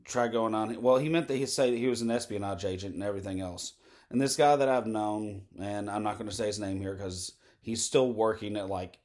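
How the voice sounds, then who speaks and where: Man, lowish voice, hoarse, rambling political monologue host. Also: darkish tone. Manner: candid, digressive, many fillers and tangents. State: slightly hoarse, throat clearing. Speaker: host of a political commentary show.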